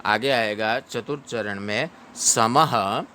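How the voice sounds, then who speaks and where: A man teaching Sanskrit verse pronunciation, stretching each syllable out slowly between brisk explanations. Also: mid-range voice, sharp tone, slight background noise. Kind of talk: patient pronunciation lesson.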